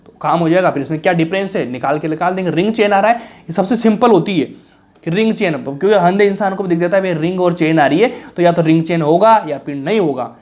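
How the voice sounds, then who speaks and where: Fast-talking young male chemistry tutor. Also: high-pitched, a little mellow. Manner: rhetorical questions answered himself; colloquial, reassuring, calls students bhaiya and raja. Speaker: chemistry teacher. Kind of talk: casual exam-prep lecture.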